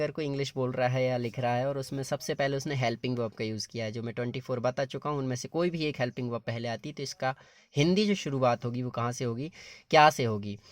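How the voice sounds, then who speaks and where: A man's voice: mid-range voice, no echo. A male teacher explaining grammar patiently, step by step, in a classroom-lesson style. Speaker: English teacher.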